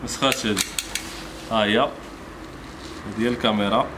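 Talking fast in a lowish voice with fairly even intonation, a Moroccan-accented man in his thirties presents products casually inside a small motorbike accessory shop. His salesman patter repeats itself, with obvious shop noise around him.

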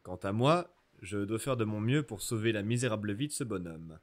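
A man voicing a brisk, authoritative country doctor in a read-aloud adventure story. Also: lowish voice, expressive, pitched below the performer's own voice, lightly acted. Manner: curt and authoritative. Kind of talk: audiobook reading.

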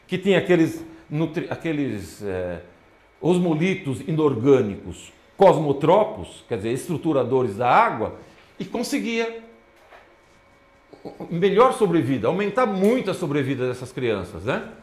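A man lecturing to a room, his voice a little high and very lively, swinging up and down in pitch. He keeps pointing at slides and calling the listeners' attention. The sound is roomy, with the echo of a lecture hall. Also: measured pace. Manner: animated, points at slides with repeated "ó, olha só". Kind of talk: lecture to an audience.

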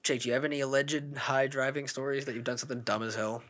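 A man's voice: mid-range voice, little pitch movement, fast talker, very noisy. A young man co-hosting a podcast, playful and joking, laughing often. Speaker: podcast co-host. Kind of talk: casual chat.

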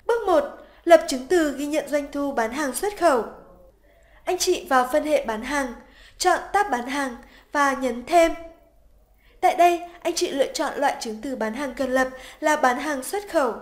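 High-voiced woman narrating a software tutorial. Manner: polite, even, step-by-step instructional. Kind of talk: scripted narration. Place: voice-over over screen recording.

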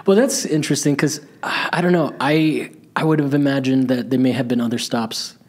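A man in his forties hosting a podcast, chatting casually and rambling a little, recorded in a gallery on a boom-arm studio mic. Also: brisk. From grew up in Costa Rica, Italy and Miami. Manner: relaxed, rambling, laughs easily. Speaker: podcast host. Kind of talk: casual interview chat. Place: gallery space, indoors. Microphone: studio mic on boom arm, headphones.

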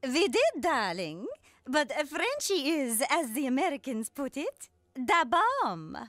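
An actress voicing a vain, flirtatious female cat who talks in a slow, purring, coy way. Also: high voice, wildly swooping pitch, fairly bright tone, no echo, heavily acted. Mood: flirty.

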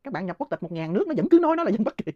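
A man's voice: high-pitched, very animated, darkish tone, no room sound, lo-fi sound. A man, hosting and answering listener questions in a heated, scornful monologue punctuated by laughs. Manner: rapid, scornful ranting with frequent laughs.

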